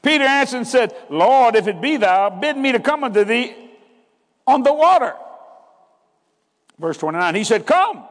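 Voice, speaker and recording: Man, very high voice, sermon, call-and-response emphasis, long reverb. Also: very animated, moderate pace, long pauses. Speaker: preacher.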